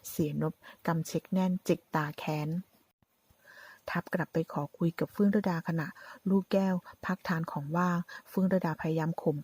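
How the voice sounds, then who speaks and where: A woman tells a drama story in a steady, even reading. Her voice is husky and mellow, a little low. The sound is dry and close. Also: no echo. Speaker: narrator.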